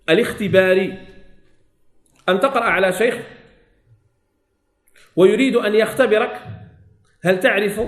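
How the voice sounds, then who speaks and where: Male Moroccan Quran teacher, high-pitched, lesson recorded in a reverberant room. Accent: Moroccan Arabic. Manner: repeats key phrases, asks students questions. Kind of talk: religious lesson explanation. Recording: echoey room.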